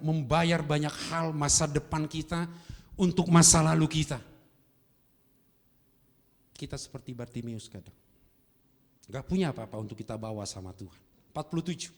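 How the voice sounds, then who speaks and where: A man pastor preaching a sermon, animated, swinging between soft, quiet passages and loud emphasis. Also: mid-range voice. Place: church hall. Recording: long reverb in a church hall with music behind.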